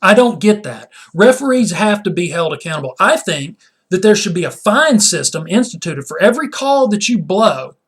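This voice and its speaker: A man's voice: high voice, big pitch swings, normal speed, a bit bright, husky. A man ranting indignantly in a vlog as a sports fan, often repeating his words. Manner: repeats words while talking.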